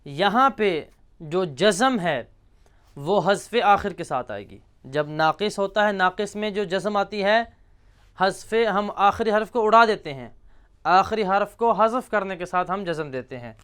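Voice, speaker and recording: Man, grammar teacher, high voice, smooth and resonant, slow recitation of verb forms, asks questions himself. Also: animated, fairly bright tone. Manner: recites verb paradigms slowly, asks and answers own questions. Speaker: teacher of Arabic morphology. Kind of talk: classroom grammar lesson.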